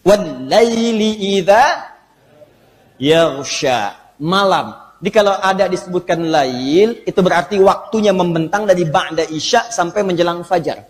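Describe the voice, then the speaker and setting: A high-voiced man delivers an Islamic sermon with animated, playful energy and teases his listeners. His voice rings with long reverb through a large mosque hall. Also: moderate pace, few pauses. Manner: animated, humorous, teasing the audience. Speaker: preacher, ustaz.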